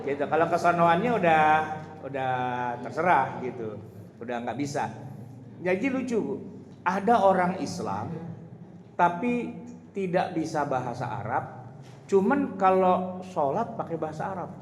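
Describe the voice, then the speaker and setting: A man delivers a loose, humorous religious talk, often laughing and addressing his listeners directly. His voice sits slightly high. It rings through a large, reverberant hall over constant background noise. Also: sing-song, unhurried, long pauses. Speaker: Islamic preacher. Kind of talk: informal religious lecture. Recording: echoey hall with loud ambient noise.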